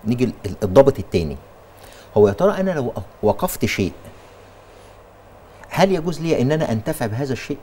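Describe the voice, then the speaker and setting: An Egyptian sheikh explains religious rulings on a studio talk show, animated and emphatic, often restarting his words. He talks at a very quick pace, with the voice of a man of middle pitch. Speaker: sheikh answering religious questions.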